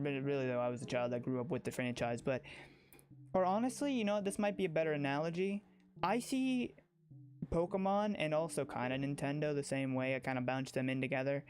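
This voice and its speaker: This livestreamer chats at a mid-level pitch with music playing behind. Opinions come out casually and loosely, with repeated phrases and thoughts that keep starting over.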